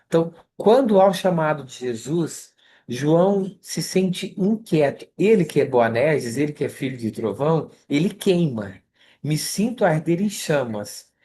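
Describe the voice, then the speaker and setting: A study group leader with a Brazilian Portuguese accent teaches an online scripture class. The talk is easygoing and conversational and often pauses to check in with listeners. It is heard through a video call microphone. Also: mid-range voice, expressive, warm tone, a little hiss or hum.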